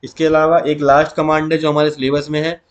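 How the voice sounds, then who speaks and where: A man's voice: a little high, level tone, highs cut off. A male teacher giving an exam revision lesson, calling his students "beta" and repeating key words back to them as questions. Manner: reads English SQL commands slowly, word by word.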